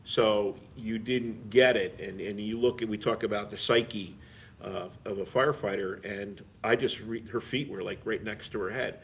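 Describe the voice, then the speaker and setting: There's a little hiss or hum behind this middle-aged veteran firefighter, whose voice is on the low side, steady, and at normal speed. Guesting on an interview, he tells casual, rambling stories plainly, peppered with filler phrases.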